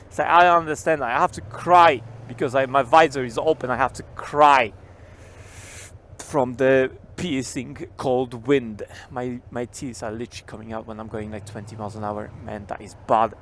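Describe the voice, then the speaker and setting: A man's voice: medium pitch, steady tone, moderate pace, fairly bright tone. A man vlogging while riding a motorcycle through city traffic, talking inside his helmet into a helmet mic in a rambling, casual way with frequent swearing. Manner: rambling, swears casually, repeats key words.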